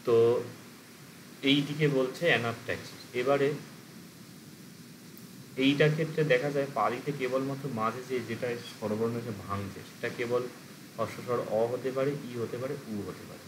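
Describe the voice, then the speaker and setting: A man's voice: medium pitch, fairly even intonation, moderate pace, pauses often, a little hiss or hum, low-quality recording. A man teaching an exam-prep class. He explains step by step and asks and answers his own questions.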